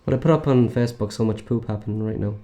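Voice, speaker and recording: A man's voice: on the low side, very fast, dark tone, a little hiss or hum. A young man on a casual gaming podcast, answering bluntly and brushing things off. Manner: blunt, dismissive, offhand. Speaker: podcast co-host.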